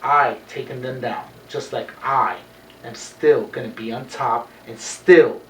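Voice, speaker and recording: A man's voice: mid-range voice, measured pace, a bit bright. A man co-hosting a wrestling show, brash and boastful, dropping Spanish phrases into his talk. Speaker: wrestler and co-host. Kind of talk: boastful wrestling promo chat. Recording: echoey room, distant mic, faint noise.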